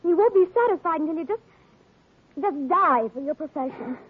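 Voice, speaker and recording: An actress playing a devoted, scatterbrained, fretful secretary in a vintage radio drama, gushing and melodramatic. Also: female voice, very high voice, animated, moderate pace. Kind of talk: 1940s radio acting. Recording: tinny vintage radio broadcast.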